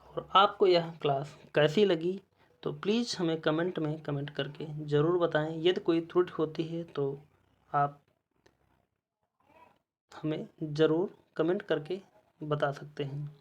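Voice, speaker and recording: A man teaches an exam-prep lesson and reads each quiz question and its options in turn. His delivery is slow and measured. The recording sounds dull and lo-fi. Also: fairly high pitch, fairly even intonation.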